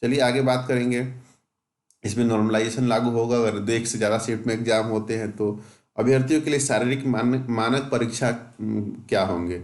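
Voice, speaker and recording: An exam coaching teacher and channel host with a North Indian accent gives an informal explanatory lesson, reading out details and commenting on them. He often poses a question and then answers it, speaking briskly at medium pitch with fairly even intonation. The home-made recording sounds echoey and roomy.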